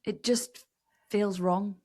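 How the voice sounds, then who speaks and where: A woman's voice: medium pitch, steady tone, takes it slowly, dark tone. A woman from England co-hosting a podcast, giving firm opinions in a wry, teasing way. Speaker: podcast co-host. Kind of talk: casual chat.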